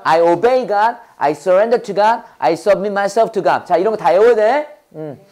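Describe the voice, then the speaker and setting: A woman with a Korean accent teaching English at a church school, drilling phrases call-and-response and explaining quickly in Korean. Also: mid-range voice, expressive, darkish tone. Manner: drills words by repetition, prompting the class to repeat; switches fast between slow English and rapid Korean explanation.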